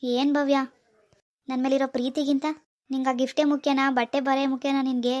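A woman's voice: high voice, flat delivery, moderate pace, darkish tone, close to an everyday voice. [name], a woman voicing a pleading lovesick young man. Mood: hurt. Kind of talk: cartoon dialogue voice acting.

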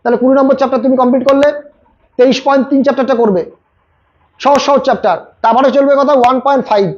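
Fast-talking high-voiced male tutor. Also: steady tone, a little mellow, lo-fi sound, slight background noise. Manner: rapid, repetitive, coaching students directly. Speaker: maths tutor. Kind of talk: exam tips lesson.

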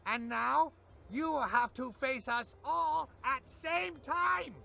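Cartoon kid ninja boss, high gravelly voice, real slow menacing boasts. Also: bright, forceful tone, heavily acted. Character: boastful boy ninja gang leader. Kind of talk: video game voice acting.

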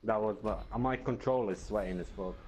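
A man in excited gaming chat, laughing as he talks about the race. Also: lowish voice, fairly quick, heavy background noise. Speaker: gamer on voice chat.

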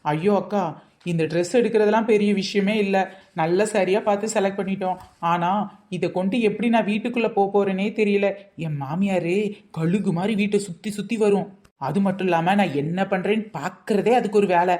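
A woman's voice: mid-range voice, fairly quick, darkish tone, close to an everyday voice. A woman playing an anxious young daughter-in-law in a village comedy skit, talking in a fretful, pleading way.

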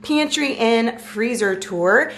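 A woman's voice: on the high side, lively intonation, slow pace, a bit bright. An American woman in her thirties chatting casually and upbeat through a home tour, her scratchy, strained voice giving out from allergies. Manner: upbeat, informal, addresses viewers directly. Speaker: home organization vlogger. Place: home kitchen, indoors. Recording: clear background hum and noise.

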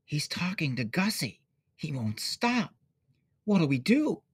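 A calm young boy puppeteer speaks in a hushed, slightly raised voice, put on by a man reading a storybook. The delivery is slow and gentle. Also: fairly high pitch, husky, no room sound, studio quality, voice pushed up, exaggerated voice. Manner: quiet, hushed. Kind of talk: picture book read-aloud.

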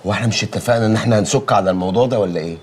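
An actor with an Egyptian accent playing a stressed husband who flares up and then apologizes. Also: male voice, lowish voice, rapid-fire, natural voice. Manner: defensive, flares up, then pleads.

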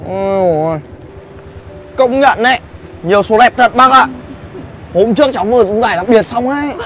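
A man's voice: extremely high pitch, expressive, fairly quick, fairly bright tone, slight background noise. A man playing a sly young thief who sweet-talks a lottery seller. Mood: wheedling. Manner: falsely friendly, wheedling. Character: sly young male thief posing as buyer.

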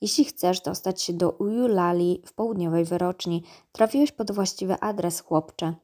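A woman's voice: on the low side, steady tone, normal speed, dark tone, lightly acted. A woman voicing a grumpy, self-important old male gnome scholar in a storybook reading. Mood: pompous.

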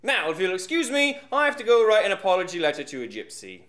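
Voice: mid-range voice, fast. An actor voicing a pompous, aristocratic puppet monster lord who hosts a comic vlog with old-fashioned slang. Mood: cheerful. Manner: pompous, animated, British-style slang. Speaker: host.

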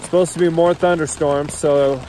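The audio is poor, with a little hiss or hum, as a middle-aged solo backpacker with a somewhat high voice vlogs at a moderate pace from a lakeside forest camp in the mountains. Holding his phone at arm's length, he sounds easygoing at first, then gets excited in the storm.

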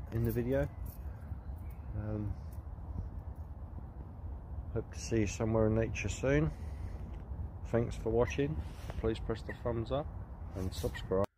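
A man's voice: fairly low pitch, measured pace, long pauses, noisy background. A man recording a casual outdoor video diary as a wildlife photography vlogger, talking hesitantly with many ums. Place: outdoors by water in nature.

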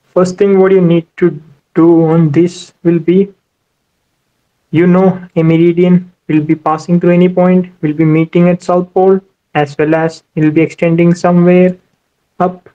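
A man's voice: sits high, flat delivery, moderate pace, narrow, tinny audio. A man teaching ship navigation over a whiteboard screen recording, explaining step by step with many "you know"s. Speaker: maritime navigation instructor. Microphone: voice-over for a tablet screen recording.

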